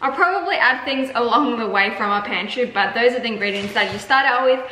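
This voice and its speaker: A woman's voice: a little high, fairly quick, sharp tone. Chatty upbeat woman vlogging at home. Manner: chatty, upbeat, many fillers. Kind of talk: casual vlog and home cooking talk. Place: home kitchen, indoors. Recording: echoey room with faint noise.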